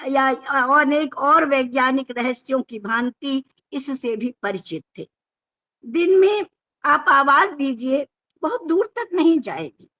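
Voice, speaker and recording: Her formal lecture on scripture moves step by step at a measured pace, sometimes with words begun again. The voice is high-pitched and a touch bright.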